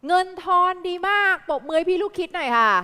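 Thai-accented woman tutor, high voice, brisk quizzing teacher, reverberant classroom. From Thailand. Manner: lively, quizzing students with quick repeated questions. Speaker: English tutor. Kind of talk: live classroom lesson.

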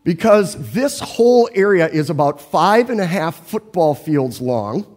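A man's voice: on the high side, sing-song, measured pace, a little mellow, big-room sound. A man preaching a sermon, telling a personal story in a conversational way and asking his listeners questions. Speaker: pastor.

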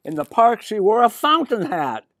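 An older man with a slightly high, animated voice reads a storybook to children. He breaks off now and then to chat and point things out to his listeners. The sound is close and dry, with no room around it. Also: moderate pace, no echo. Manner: chatty, with asides to the children. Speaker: resident reader.

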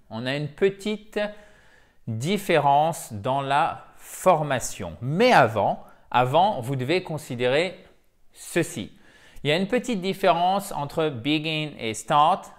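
A man's voice: medium pitch, a bit bright. A man teaching an English grammar point in a video lesson, explaining patiently and checking in often with his viewers.

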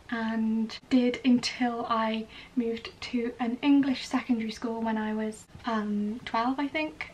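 This young adult vlogger from Wales, who is training in ballet, chats casually through a get-ready-with-me video in her small bedroom. Her voice is fairly high but darkish in tone; the room is clearly noisy and the mic slightly distant.

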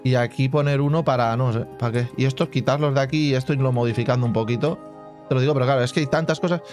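Playing a building game, a gaming channel host keeps up relaxed, chatty commentary, thinking aloud at a middle pitch. When he pauses, he fills the gap with hummed sound effects. Faint game music sits beneath this casual let's-play.

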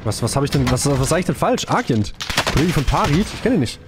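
A young man livestreams a shooter game, chatting casually with his viewers in a slangy, excitable way while game gunfire sounds behind him. His voice is on the high side and fast, with music playing in the background.

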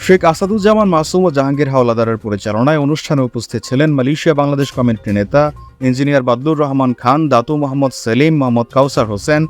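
A man's voice: mid-range voice, rapid-fire. A man narrates a scripted news report in a mid-range voice. Light music plays faintly underneath his formal reading.

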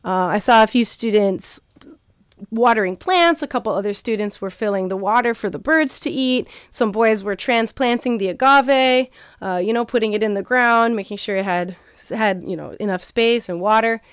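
A young woman, somewhat high-pitched, speaks earnestly and warmly encouraging to her listeners, repeating phrases to drive them home. Her voice is smooth and resonant. The recording is dry and close, made at home on a computer mic. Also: normal speed, no echo. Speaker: keynote speaker, garden teacher. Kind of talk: recorded keynote talk. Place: indoor room at home, video recording.

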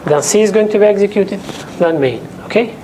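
A young man working as a teaching assistant teaches a class in a lecture room with a projector and whiteboard. English is his second language, not his first. He explains things step by step and stops often to check that students follow, saying "okay?". His voice sits high, expressive and warm, at a fairly quick pace. The lapel-mic audio is poor, with slight background noise.

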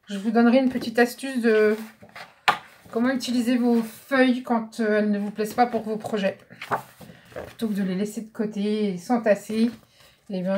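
A French woman chats her way through a craft haul in a relaxed show-and-tell voice, thinking aloud with small fillers and asides. Her pitch sits in a middle range. A faint hiss and some clicking sit under the recording. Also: moderate pace. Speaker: craft vlogger showing a haul.

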